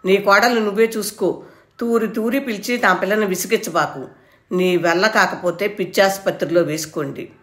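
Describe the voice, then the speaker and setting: A sharp, complaining village mother, as a woman narrator puts her on, quarrelsome and quick to argue. The reading has a roomy echo around it. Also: medium pitch, lightly acted.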